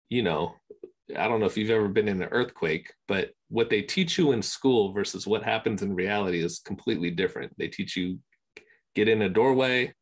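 A man, a guest on a video call interview, talking in a relaxed, rambling way with many fillers. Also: on the low side. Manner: relaxed, rambling, many ums and you knows. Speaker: interview guest, scanning service provider. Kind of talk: casual conversation.

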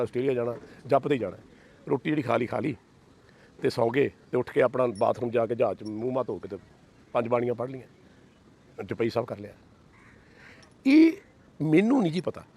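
Fast-talking fervent middle-aged man. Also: medium pitch, vocal fry, darkish tone. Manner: fervent, devotional repetitions. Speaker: interview guest. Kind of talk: emotional personal testimony.

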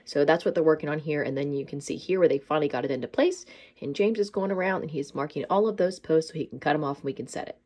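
A woman's voice: low-pitched, fast, hardly any pauses, a little mellow. A woman narrating a home building video in a plain, explanatory way. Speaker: vlog co-host and narrator. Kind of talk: casual voice-over narration.

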